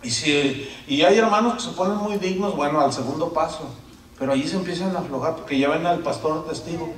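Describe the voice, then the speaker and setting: A middle-aged pastor preaches in a high, lively voice, slipping into quick impressions of church members. The sound is roomy, as in a church hall, with the mic some way off. Faint room noise sits underneath. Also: male voice. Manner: animated, acts out quoted church members in changing voices. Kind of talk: sermon. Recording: echoey hall, mic at a distance.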